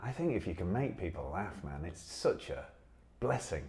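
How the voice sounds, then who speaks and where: Lowish male host interviewing a guest, supportive and agreeable. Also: sing-song, moderate pace, a little mellow. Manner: affirming, frequent backchannels. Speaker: interviewer, co-founder of the show. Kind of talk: interview conversation.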